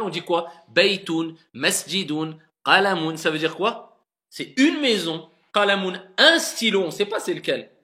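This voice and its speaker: A man teaching Arabic reading in a classroom, patiently modeling pronunciation by slowly drawing out words and encouraging students. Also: high-pitched, pushed and bright.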